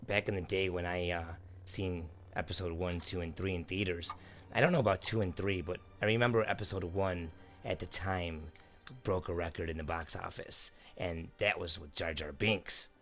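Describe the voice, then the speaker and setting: A man with a very low, deep voice hosts his channel in a loose, excited way. He talks casually to his viewers and leans on "dude" and "guys" as he goes. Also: moderate pace. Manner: enthusiastic, repeats "dude" and "guys". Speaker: channel host. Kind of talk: casual review chat.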